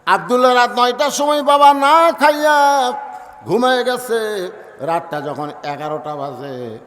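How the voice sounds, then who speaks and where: A male preacher telling a story in a sermon, animated, swinging between loud and soft. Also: sits high. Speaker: Islamic preacher. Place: religious gathering. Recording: echoey reverberant hall sound.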